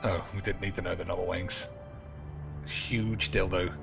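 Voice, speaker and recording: A man streaming a game, making crude jokes and thinking out loud as he plays. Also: deep voice, fairly even intonation, measured pace, gravelly, music in the background. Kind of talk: casual gameplay commentary.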